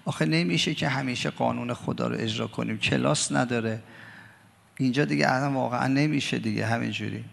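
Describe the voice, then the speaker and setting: A man delivers a religious lecture with a deeply gravelly, rough-edged voice. His words ring out in a reverberant hall, and he slows to chant scripture. At times he mocks the voices of others. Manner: gravelly, mocking voices when quoting others. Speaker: cleric giving a Quran commentary lecture. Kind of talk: religious lecture with Quran recitation.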